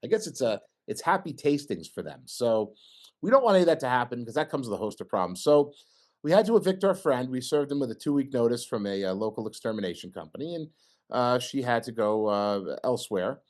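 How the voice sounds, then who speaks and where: At an engineering meeting, a middle-aged man presents slides in an informal technical talk, cracking jokes and quizzing the audience. He speaks briskly in a mid-range, slightly mellow voice with big pitch swings.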